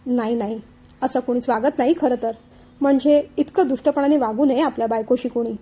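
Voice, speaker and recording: A woman's voice: high-pitched, fairly even intonation, fairly quick, warm tone, husky. A woman reading a flustered, placating father-in-law. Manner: hesitant, placating.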